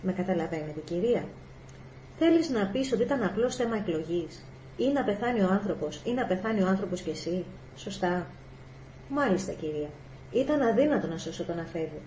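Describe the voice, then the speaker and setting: A woman's voice: medium pitch, lively intonation, dark tone, slight background noise, lightly acted. A woman reading a polite deferential robot. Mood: earnest, deferential. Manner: measured, deferential. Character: polite reasoning male robot. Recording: echoey room, faint ambience.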